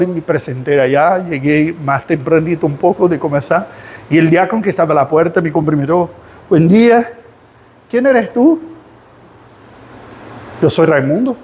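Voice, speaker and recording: A man with a notably high voice leads a church Bible class. He teaches in a lively, animated way and keeps asking the room rhetorical questions. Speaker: Sunday school teacher.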